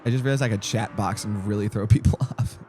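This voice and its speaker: A man's voice: lowish voice, fairly even intonation, fast talker, dark tone, slight background noise. A young man rambling through casual live-stream commentary on a sim race, jokey and easily distracted. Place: home streaming setup.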